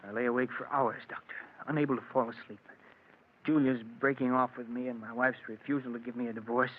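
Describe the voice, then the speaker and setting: A man's voice: mid-range voice, flat delivery, fast talker, lightly acted. An actor in an old-time radio drama, playing an unhappily married, lovelorn man with earnest, dramatic delivery. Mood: wistful, confessional. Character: unhappily married man confessing his past, lovelorn, bitter. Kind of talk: old-time radio drama acting, first-person narration and dialogue. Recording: muffled, noisy old radio recording.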